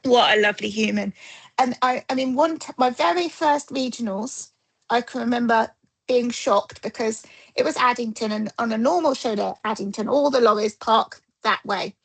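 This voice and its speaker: A woman's voice: a little high, normal speed, gravelly, slightly rough, low-quality recording. A middle-aged woman, a dressage coach, telling stories in an interview and acting out the dialogue as she goes. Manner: animated, acts out quoted dialogue. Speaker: dressage rider and coach, guest. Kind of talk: casual storytelling interview.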